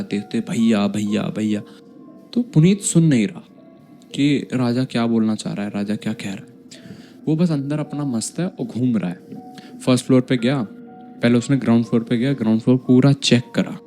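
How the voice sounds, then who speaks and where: A man's voice: medium pitch, a little fast, warm tone, soft background music. A man telling a horror story in a casual, chatty way, with asides to his listeners.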